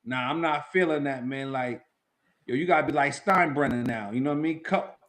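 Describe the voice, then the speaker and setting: A man's voice: medium pitch, brisk, a bit bright. A man co-hosting a live sports talk show, talking in a casual, slangy way full of "you know what I'm saying.".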